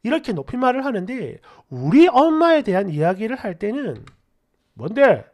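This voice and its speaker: A man hosting a story channel, reading online posts and comments aloud with animated, mocking commentary. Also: extremely high pitch, fairly quick.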